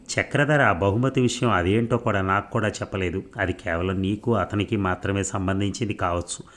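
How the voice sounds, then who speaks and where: An aloof, detached film-star woman speaks in a philosophical, matter-of-fact way, voiced by a male reader. The voice stays low and deep, as in an audiobook reading of a novel. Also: fairly even intonation, normal speed, fairly bright tone, natural voice. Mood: wry.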